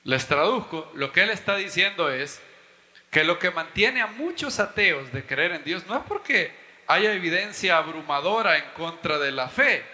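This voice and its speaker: High, animated preacher man in echoey room. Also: moderate pace. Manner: animated, emphatic preaching, voice leaps up for stress. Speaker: pastor and Bible teacher. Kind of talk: sermon teaching.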